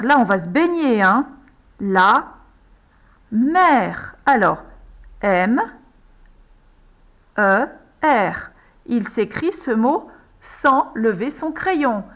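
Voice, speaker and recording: A woman with a fairly high voice guides a young child through a handwriting lesson. She speaks very slowly and patiently, often pausing on "alors" and "hein" as she writes along off camera. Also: sing-song. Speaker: handwriting teacher.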